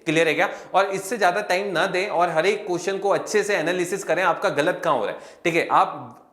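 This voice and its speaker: A chatty young man explains exam questions to his students in a fairly high voice, stopping often to ask if they are following. The room echoes around him. He talks like a friendly teacher running a casual lesson. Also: a little fast, a bit bright. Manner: chatty, addresses students as kids, repeats "clear hai kya".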